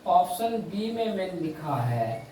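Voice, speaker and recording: A man teaching a Hindi lesson, speaking slowly, stressing key words and repeating his questions to the class. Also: sits high, sing-song, mellow, slight background noise. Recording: echoey room, mic far away.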